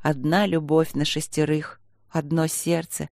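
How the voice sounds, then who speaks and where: Low-voiced woman reading an audiobook. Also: level tone, a little slow, creaky, darkish tone, no room sound, studio quality. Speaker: audiobook narrator. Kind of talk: scripted first-person narration.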